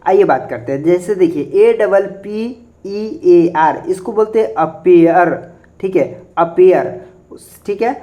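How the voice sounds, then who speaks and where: A man's voice: sits high, slow, dull audio. A man teaching English pronunciation in a classroom-style lesson, spelling words out letter by letter, asking himself questions and answering them, and saying "okay" often.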